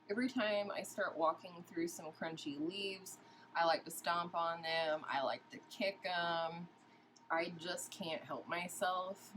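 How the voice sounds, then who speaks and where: A woman's voice: fairly low pitch, a little hiss or hum, rough recording. A woman beauty vlogger chatting casually while doing a makeup tutorial and asking viewers questions.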